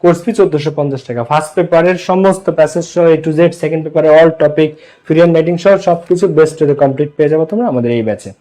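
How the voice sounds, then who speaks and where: A man leads an online English grammar lesson. His voice sits high for a man. He explains in Bengali, drills with repeated questions, and reads English example phrases slowly. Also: dark tone, poor audio. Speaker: English teacher.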